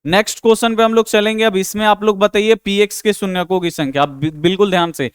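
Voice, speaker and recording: Male math tutor, high clean voice, patient and repetitive, dry close recording. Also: fairly even intonation, fast, clear, resonant tone, no room sound. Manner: patient and repetitive, calls students "babu". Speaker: math teacher. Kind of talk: explaining a class 10 math exercise.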